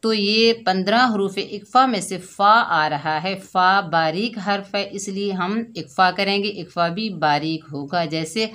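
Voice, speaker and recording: A woman teaching Quran recitation rules step by step, explaining slowly and drawing out chanted examples. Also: mid-range voice, fairly bright tone. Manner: slow, deliberate explaining, with drawn-out chanted examples; often checks in with "theek hai". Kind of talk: step-by-step tajweed lesson.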